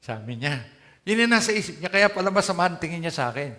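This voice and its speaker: A man's voice: a little high, big pitch swings, fast talker, pushed and bright. A man with a Filipino accent preaching a sermon, moving between Tagalog and English and putting questions to his congregation. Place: church hall. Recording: long church hall reverb.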